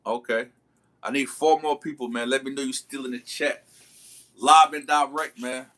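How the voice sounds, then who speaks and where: A man's voice: medium pitch, steady tone, moderate pace, fairly bright tone. A man livestreaming, telling a long story in casual slang and calling out to his viewers. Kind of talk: casual storytelling to a live chat.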